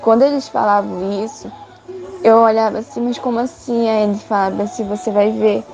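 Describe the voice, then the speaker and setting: A young woman from Brazil giving a spoken church testimony of a vision, halting and repetitive with many restarts. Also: medium pitch, fairly even intonation, vocal fry, darkish tone, soft background music. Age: young adult.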